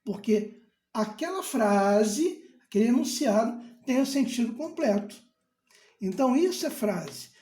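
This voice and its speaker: A man explains grammar in an unhurried, mellow voice. He repeats key terms and answers imagined questions from his students. The recording carries a roomy echo. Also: extremely high pitch, lively intonation. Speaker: grammar teacher. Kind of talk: casual explanatory lesson.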